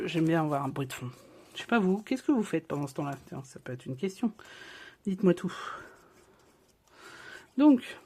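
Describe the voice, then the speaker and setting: A woman leads a casual, hands-on craft tutorial. She chats freely as she works and keeps checking in with her viewers. Her voice sits at an ordinary middle pitch. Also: darkish tone. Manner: chatty, talks straight to viewers with frequent check-ins. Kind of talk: casual step-by-step craft demonstration.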